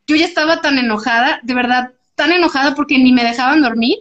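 A young woman with a Mexican accent tells a story on a casual podcast, her voice sitting high. She is animated and laughs often, switching into the voices of the people she is describing. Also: fast, lo-fi sound. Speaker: podcast co-host.

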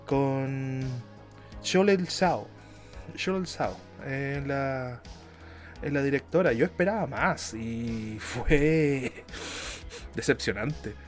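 A man's voice: medium pitch, drawn-out words, faint music behind. A man from Chile with a Chilean Spanish accent, hosting a casual podcast chat, laughing often and trailing off mid-sentence. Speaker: podcast host.

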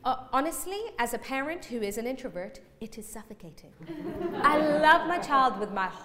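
A woman in her thirties gives a sermon in a lively, self-mocking way, acting out small scenes as she goes. Her voice sits a little high. The sound rings with the long reverb of a church hall. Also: moderate pace. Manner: animated, self-mocking, acts out quotes. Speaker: preacher.

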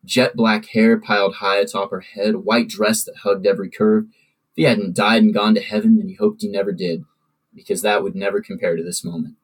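A man, a podcast host, reading his own original fiction aloud in steady storytelling narration. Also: fairly low pitch, brisk, breathy edge, rough recording.

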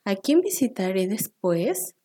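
A woman's voice: medium pitch, very animated, slow, warm tone. A woman voicing a small, clever male piglet who sighs, squeals and politely coaxes in a storybook reading. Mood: sly, content. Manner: sighing, squealing, sweetly persuasive.

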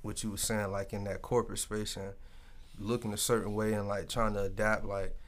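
A man's voice: fairly low pitch, a little fast. A man telling personal stories in casual, candid conversation, colloquial and peppered with swearing. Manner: colloquial, sweary, animated storytelling.

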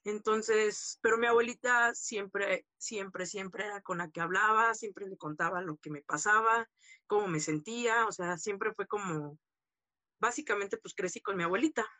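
Bright-voiced woman telling her story. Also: medium pitch, moderate pace, no echo. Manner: candid, full of fillers and tag questions. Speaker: interview guest. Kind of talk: personal storytelling in conversation.

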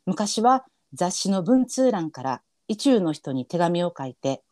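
A man's voice: high-pitched, sing-song, a little slow, a little mellow, no room sound, clean studio sound. A man with a Kansai accent co-hosting a podcast, reading a listener's letter aloud and then laughing and apologizing. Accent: Kansai Japanese. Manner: earnest reader, then giggly and apologetic. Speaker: podcast co-host.

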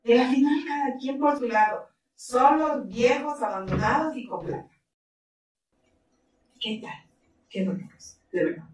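A middle-aged woman who leads in ministry speaks in a high, slightly slow voice with long pauses, recounting stories animatedly during an interview and laughing often. The recording sounds roomy, with a distant mic and faint ambient noise.

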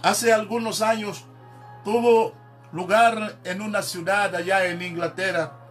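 A man's voice: sits high, fairly bright tone. A man preaching a sermon, emphatic and dropping in frequent amens. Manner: emphatic, peppers speech with "amén".

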